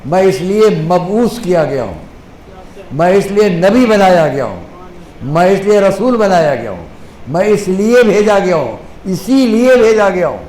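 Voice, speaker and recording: A man preaching a sermon at a mourning gathering with an Indian Urdu accent, drawing out quoted scripture slowly and dropping to a soft voice for acted exchanges. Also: high-pitched, sing-song. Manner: impassioned, stretches Quranic phrases slowly, drops to a soft voice to act out exchanges. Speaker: maulana preaching at a majlis. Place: mourning hall. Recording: echoey hall, faint ambience.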